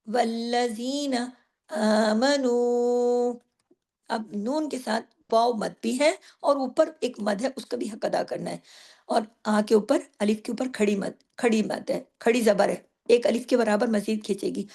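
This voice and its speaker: A middle-aged woman teaching tajweed. She explains each rule patiently and recites the verses slowly, drawing the sounds out. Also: fairly high pitch, creaky, a little mellow, breathy edge. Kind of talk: tajweed lesson.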